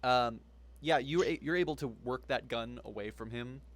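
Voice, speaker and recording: A man runs a tabletop game as game master in a relaxed, chuckling manner. His voice sits at an average pitch. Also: moderate pace.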